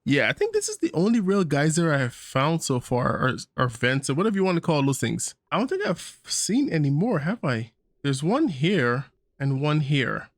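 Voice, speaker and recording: A man talks over his game in a tired morning voice, rambling and upbeat with little laughs. His pitch sits a bit high and swings widely. The sound is dry and close, with no room around it. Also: no echo. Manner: rambling, upbeat, thinks aloud with fillers and small laughs. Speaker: gaming channel host. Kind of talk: casual let's-play commentary.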